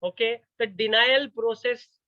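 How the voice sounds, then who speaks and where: A man gives a motivational talk as a story, acting out the voices of its characters. His voice sits fairly high. The recording is dry and slightly muffled. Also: takes it slowly, sharp tone, dry recording. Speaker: motivational speaker.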